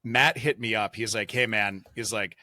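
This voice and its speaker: A man hosting a casual podcast, rambling and excitable, with lots of fillers. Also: lowish voice, moderate pace, no echo, clean studio sound. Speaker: podcast host.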